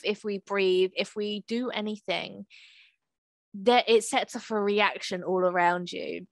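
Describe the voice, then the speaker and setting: A woman's voice: medium pitch, a bit bright, no echo. A woman co-hosting an art podcast over a video call, talking through her artwork in a rambling, reflective way with lots of fillers. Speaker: podcast co-host and artist. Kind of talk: casual talk about her artwork.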